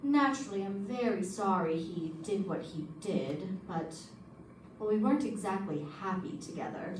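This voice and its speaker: In an old-time radio detective drama, a woman plays a calculating wealthy widow, poised, pointed, cool and composed. Her medium-pitched voice is animated and lightly acted at a normal speed. The stage recording is roomy and distant, with faint noise.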